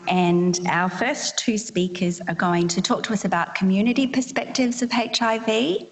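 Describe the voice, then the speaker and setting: A woman facilitator presenting a clinical case study to an audience in a large hall, explaining in a measured way. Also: on the low side. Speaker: session facilitator. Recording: reverberant hall.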